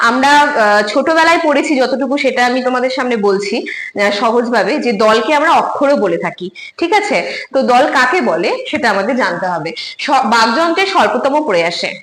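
A woman's voice: on the high side, fairly bright tone. A young woman teacher giving an online lecture, explaining step by step and putting questions to her students. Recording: echoey room.

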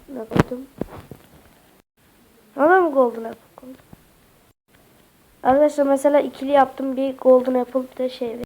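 A high-voiced woman with a slightly sick voice narrates a casual gameplay tutorial. She is chatty and hesitant, filling gaps with "uh" and turning to her viewers as friends. A clear hiss and mouse clicks run under her home desk-mic recording. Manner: keeps addressing viewers as friends, chatty and hesitant with many fillers. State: slightly sick voice with occasional coughs. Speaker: Minecraft tutorial YouTuber.

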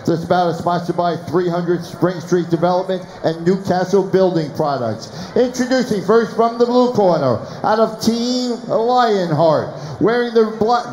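A middle-aged man making formal boxing ring announcer introductions into a handheld microphone, projecting and drawing out his words. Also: high-pitched. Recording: echoey arena PA, faint music.

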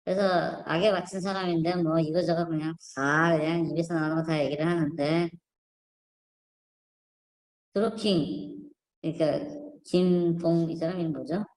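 A woman's voice: deep voice, steady tone, normal speed, a little mellow. A woman hosting an online channel, talking through images on screen in a rambling, skeptical way, with many fillers and restarts. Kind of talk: casual spoken commentary. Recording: echoey room.

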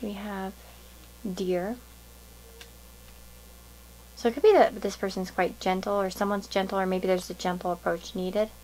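A woman's voice: mid-range voice, steady tone, a little slow, long pauses, darkish tone, a little hiss or hum, rough recording. A woman giving a casual pick-a-card tarot reading to viewers, musing and thinking aloud in a meandering way.

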